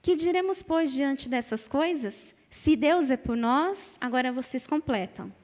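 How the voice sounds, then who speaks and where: High-voiced Brazilian woman preaching. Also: expressive, a little slow, darkish tone. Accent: Brazilian Portuguese. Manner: emphatic, repeats phrases, calls on the congregation to respond. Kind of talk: church sermon. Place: church hall. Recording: reverberant church hall.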